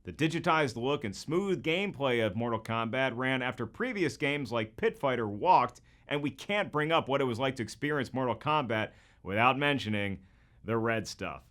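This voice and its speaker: A forties-aged American man hosts with lively intonation at a moderate pace, his mid-range voice fairly bright. The narration is scripted comedy, emphatic and wry with plenty of jokes.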